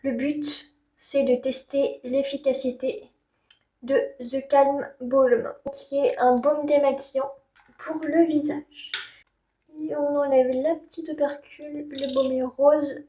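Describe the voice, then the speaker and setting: A woman's voice: high-pitched, flat delivery, a little slow, warm tone. A woman with a Parisian French accent chatting informally and candidly through a beauty product demo. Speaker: beauty vlogger reviewing skincare. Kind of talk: casual product demo chat.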